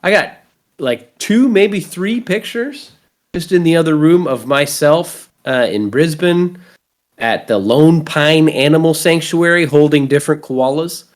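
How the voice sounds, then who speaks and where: A man's voice: a little high, unhurried. A man in his thirties with a Canadian accent, hosting a podcast and telling rambling, profane stories in casual chat. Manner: rambling, swears freely, lively storytelling. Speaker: podcast host.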